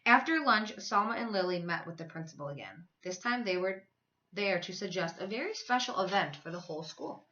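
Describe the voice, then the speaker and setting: A woman reads from a children's storybook the way a teacher would to a class, fairly quickly, stressing and drawing out words in a bright voice with very lively pitch. The audio is a little dull and lo-fi, with a little hiss or hum.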